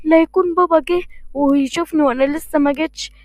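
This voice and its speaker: A woman's voice: high-pitched, steady tone, darkish tone, dry recording, close to an everyday voice. A woman playing Rawan, a nervous young woman. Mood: anxious. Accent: Egyptian. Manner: anxious, hurried. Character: sweet young woman, nervous about her strict father.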